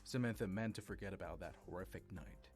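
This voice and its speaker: A man narrating a dramatic family story in a steady storytelling manner. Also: sits low, quick pace, faint music behind.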